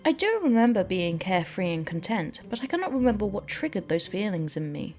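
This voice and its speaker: A woman's voice: mid-range voice, very animated, a little fast, a little mellow, soft background music. A woman doing game playthrough commentary and reading the dialogue aloud as she plays.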